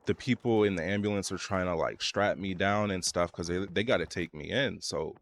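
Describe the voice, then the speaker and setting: Deep-voiced man telling a rambling story. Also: a little fast, a little hiss or hum. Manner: loose, rambling, many fillers. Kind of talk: casual story time.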